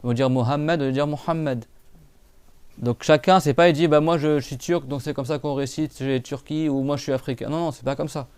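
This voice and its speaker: Guy teaching recitation, smooth clear voice, dead dry sound, chatty with lots of fillers. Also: a little high, fairly even intonation, brisk, a little mellow, no echo. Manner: patient, repeats and drills sounds; casual spoken French with many fillers. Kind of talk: live class explanation.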